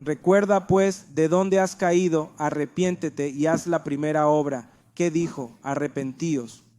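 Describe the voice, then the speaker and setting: Man reading scripture, slow and deliberate, mellow slightly high voice. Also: fairly even intonation.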